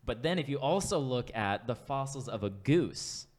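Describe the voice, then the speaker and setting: A man's voice: medium pitch, lively intonation, normal speed, darkish tone. Rambling man on a chatty podcast. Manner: rambling, fillers and restarts, laughs easily. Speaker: podcast co-host. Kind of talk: casual chat. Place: podcast studio.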